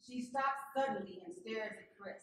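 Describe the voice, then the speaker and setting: A woman's voice: a little high, moderate pace. Woman narrator in a very echoey room. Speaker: narrator reading stage directions. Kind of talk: scripted narration. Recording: very echoey room, distant mic, faint noise.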